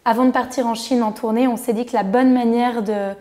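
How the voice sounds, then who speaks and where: A woman in her thirties from Switzerland, a singer guest chatting in a relaxed way on a radio interview. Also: fairly high pitch, a little fast. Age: 30s.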